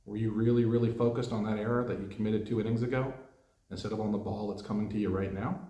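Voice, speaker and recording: A man coaching players through a mental exercise, calm and direct, asking many questions. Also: lowish voice, fast, echoey room. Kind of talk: guided coaching lesson.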